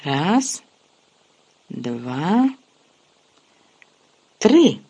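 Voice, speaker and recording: A kindly male magic teacher from a storybook, calling out to his pupils in quick, encouraging bursts, a little raised and louder than the telling around him, as the narrator puts him on. The tone stays husky and breathy throughout. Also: mid-range voice, very animated, exaggerated voice. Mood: counting. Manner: brisk encouraging calls to pupils.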